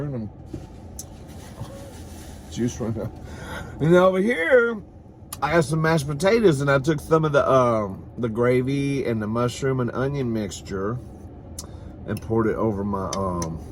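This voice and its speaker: This mid-range male voice has lively intonation and a measured pace, pausing often, with a little hiss or hum present. The comedy mukbang host eats as he chats casually to the camera, being campy, sassy and bawdy, calling listeners "girl" and "honey" and swearing freely.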